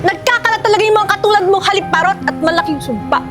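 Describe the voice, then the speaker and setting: A woman playing a furious wife who loudly accuses another of stealing her husband, in a short film. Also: very high-pitched, fast, over music. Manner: loud, accusing, theatrical shouting. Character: furious wife confronting a suspected mistress.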